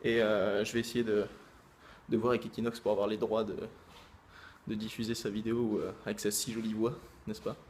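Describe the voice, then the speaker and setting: A man's voice: lowish voice, little pitch movement, a little fast, darkish tone, slight background noise. A man who makes gaming videos, chatting casually to his viewers in a rambling, hesitant way full of fillers and restarts. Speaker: gaming YouTuber. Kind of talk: casual vlog chat.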